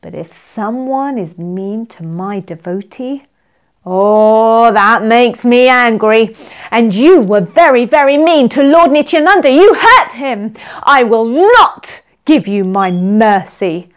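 A woman's voice: mid-range voice, expressive, slow pace, hardly any pauses, warm tone. A woman voicing a stern male lord in a children's story who scolds firmly. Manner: firm, scolding. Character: stern male divine lord protecting his devotees.

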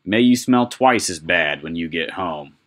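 A man's voice: low-pitched, lively intonation, measured pace, a bit bright. A man doing a cutting little talking dog.

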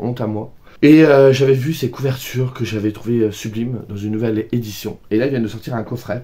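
A man's voice: medium pitch, mellow. Chatty self-mocking man. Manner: chatty, self-mocking, talks to himself by name. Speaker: book vlogger. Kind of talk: casual book haul chat.

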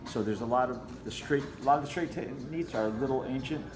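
A male martial arts trainer talks fast in a mid-range voice during a casual interview, peppering his explanations with "you know." The indoor gym has mats, the room echoes, faint music plays, and the camera sits a few feet from him.

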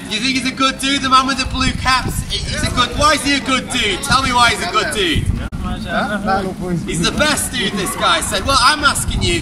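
High-voiced man preaching on a street. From United Kingdom. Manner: projecting loudly, rhetorical questions to passers-by. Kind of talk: open-air street sermon. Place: outdoor pedestrian shopping street. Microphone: far camera, unmiked open air. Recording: distant voice with street noise. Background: street ambience and passers-by.

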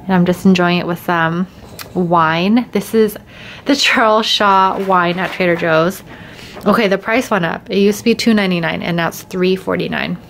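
A woman's voice: lowish voice, moderate pace, creaky. A woman in her twenties chatting casually as a food vlogger into a handheld camera. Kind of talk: casual vlog chat. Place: mostly outdoors on city streets. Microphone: handheld camera at arm's length. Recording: loud city and traffic noise.

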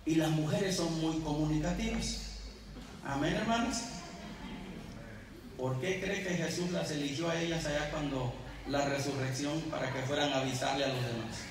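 A man with a high voice teaches a Bible study to a congregation and tells stories to them. He asks the room questions as he goes. His voice rings with long reverb and sits far from the mic, with faint noise behind it. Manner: storytelling, asking the congregation questions. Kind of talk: sermon. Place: church hall. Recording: echoey church hall, mic at a distance.

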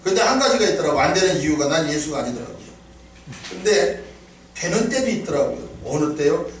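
Man preaching a sermon, high lively voice, emphatic, echoey hall from far off. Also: fairly quick, a little hiss or hum. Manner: emphatic preaching with rising quoted prayers. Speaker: pastor.

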